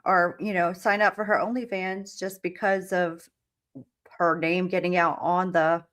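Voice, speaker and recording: A woman's voice: on the low side, level tone, unhurried, a bit bright. A woman co-hosting a casual chat, giving frank, opinionated commentary with fillers. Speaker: co-host.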